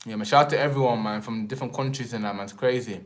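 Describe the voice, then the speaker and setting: A man's voice: mid-range voice, racing. A young Englishman with an English accent hosting a casual live stream, rambling in slang and tagging his sentences with filler words. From England. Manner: rambling, slangy, repeats filler tags like "man" and "and that".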